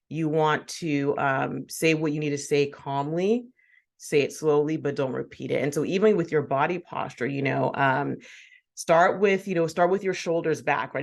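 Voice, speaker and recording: A psychologist explaining advice to viewers in a steady, teaching way. They use many fillers and check in often with "right?" and "okay?". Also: medium pitch. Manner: many fillers, "you know", "um"; repeats key points in a steady, teaching way.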